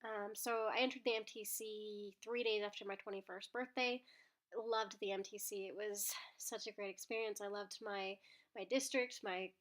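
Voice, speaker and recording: Woman in her 20s, under the weather and breathless, frank and halting vlogger. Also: mid-range voice, fairly even intonation, a bit bright. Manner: candid, hesitant with many ums. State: unwell, out of breath. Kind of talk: casual vlog talk.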